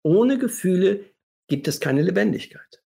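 This man's voice is high-pitched yet scratchy and husky, warm in tone, and he sounds a bit unwell. Explaining things emphatically on a livestream as a hypnotherapist, he speaks animatedly and a little slowly, drawing out key phrases and asking rhetorical questions.

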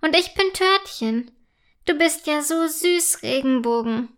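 A woman voicing an excited, slightly chubby young unicorn mare who gushes eagerly in a children's storybook reading. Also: high voice, measured pace, pitched above the performer's own voice. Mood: gushing. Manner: gushing, eager.

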